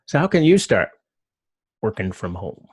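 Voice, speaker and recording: A middle-aged man giving a relaxed talk, loose and rambling, full of fillers. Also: lowish voice, normal speed, breathy edge, no room sound, studio quality. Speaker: presenter. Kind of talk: casual talk with slides.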